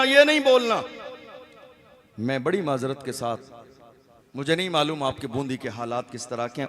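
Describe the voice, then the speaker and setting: Male preacher, fiery sermon, raised pitch, loud-soft swings, distant gathering mic. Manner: orating, swinging from shouts to hushed tones. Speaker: Islamic preacher. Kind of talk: fiery public religious speech.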